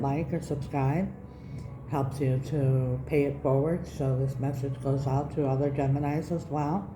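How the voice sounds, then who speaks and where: A woman giving an unhurried, earnest spiritual card reading to online viewers, her speech slightly slurred and slushy as she recovers from mouth surgery. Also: rumbling low. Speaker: tarot reader, channel host. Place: indoors in an echoey room. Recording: roomy echo, background noise.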